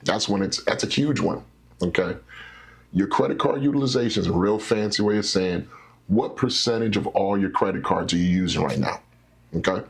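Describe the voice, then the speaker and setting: A man with a deep, low-set voice and a husky grain to it. He talks like a patient teacher, breaking ideas down into simple steps. He keeps it animated with acted-out examples as an interview guest. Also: moderate pace. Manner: animated, teacherly, acts out scenarios. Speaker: credit specialist guest. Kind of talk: explaining with stories in an interview.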